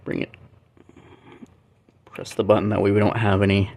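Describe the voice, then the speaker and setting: A young American man, a vlogger and record collector, chats casually and thinks aloud while demonstrating something in a small bedroom, rambling as he goes. His voice sits on the low side, gravelly and darkish, with a completely flat delivery at normal speed.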